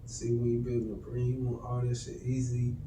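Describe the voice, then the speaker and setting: A man's voice: mid-range voice, completely flat delivery, fairly quick, mellow. Laid-back man in an echoey room. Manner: laid-back, profane, advice-giving. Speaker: guest artist. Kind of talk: casual podcast chat. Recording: echoey room, distant mic, faint noise.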